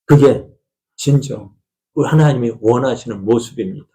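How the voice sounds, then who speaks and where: A male pastor delivering a sermon at a middle pitch. He tells the story in a folksy manner and keeps putting rhetorical questions to the congregation. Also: moderate pace, mellow.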